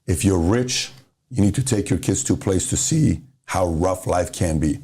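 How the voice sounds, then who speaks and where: Man, middle-aged, from Iran, lowish mellow voice, lively storyteller acting out conversations. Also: moderate pace. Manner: animated, acts out dialogue in stories. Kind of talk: motivational storytelling.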